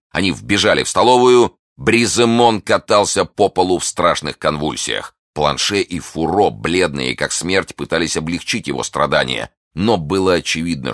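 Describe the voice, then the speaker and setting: A man narrates an audiobook in a very low voice, with lively, sweeping intonation. The reading is dramatic and expressive, recorded dry and close. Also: dry recording.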